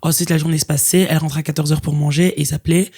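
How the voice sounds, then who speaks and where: Fast-talking woman with a gravelly voice. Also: low-pitched, level tone, warm tone. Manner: frank, chatty, many fillers. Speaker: podcast guest. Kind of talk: casual chat, personal storytelling.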